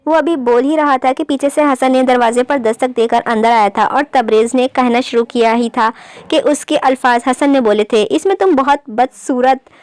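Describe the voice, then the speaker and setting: A woman narrating a romance novel aloud in an even storytelling read. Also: high voice, no echo. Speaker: audiobook narrator.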